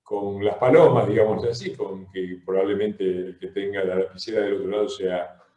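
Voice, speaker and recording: A man who is both a legislator and a talk show host argues emphatically about politics with an Argentine Spanish accent, hesitating often. His voice is fairly low, dark, and fairly even in intonation at a normal speed, and the recording has a roomy echo.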